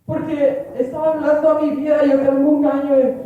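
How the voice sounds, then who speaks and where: A woman's voice: high voice, level tone, a little fast, narrow, tinny audio. A woman giving an earnest church testimony, praying aloud and speaking to the congregation as brothers and sisters. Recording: echoey church hall from far off.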